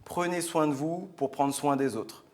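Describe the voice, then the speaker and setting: A man's voice: on the high side, fairly even intonation, a little slow, a little mellow. A man from French Guiana giving an earnest, chatty product talk on a live studio show, with frequent fillers and restarts. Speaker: guest speaker.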